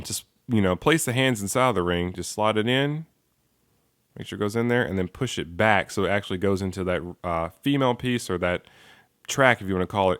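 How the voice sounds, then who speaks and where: A man's voice: lowish voice, a bit bright, no echo, studio quality. A man giving a casual toy review, enthusiastic, repeating praise words and dropping frequent ums.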